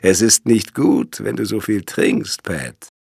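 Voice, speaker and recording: A scheming male blackmailer with a lazy, mocking drawl, put on by a male narrator. The voice sits very low and sounds husky. It is a close, dry audiobook recording. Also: wildly swooping pitch, a little slow, fairly bright tone, dry recording, full character voice. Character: cynical scheming male twin, a returned blackmailer.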